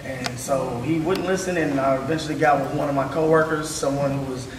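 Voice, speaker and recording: On a panel in a large hall before a seated audience, a man in his thirties talks earnestly and conversationally about his barbering work, using lots of fillers. His mid-range voice is brisk with fairly even intonation. A distant camera mic captures him, so the hall sounds echoey and the background noisy.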